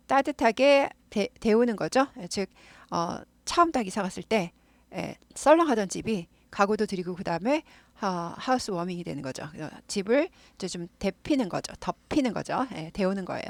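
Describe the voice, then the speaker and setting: A woman explaining English phrases to learners, patiently repeating words slowly to model how they sound. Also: medium pitch, dry recording. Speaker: English teacher.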